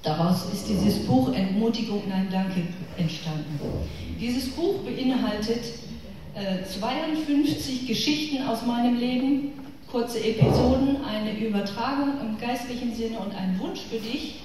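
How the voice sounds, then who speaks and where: Speaking at a quite measured pace, this middle-aged woman has a dark, somewhat high voice and a northern German accent. She delivers a relaxed, conversational faith talk at a women's church meeting, talking to the audience in a personal, direct way. It's captured from a distance in a reverberant hall, with background room noise.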